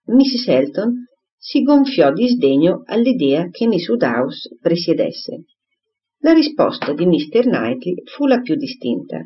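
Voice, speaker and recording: An audiobook narrator reading a classic novel aloud in a lively, expressive way. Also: medium pitch, measured pace. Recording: dull lo-fi recording.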